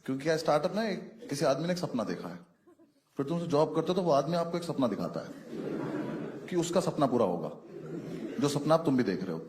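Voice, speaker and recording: A man's voice: a little high, big pitch swings, fast, long pauses. Stand-up comic man with noisy live sound. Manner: storytelling, acts out dialogue, talks to the crowd. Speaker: stand-up comedian. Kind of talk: stand-up comedy set. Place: comedy club stage.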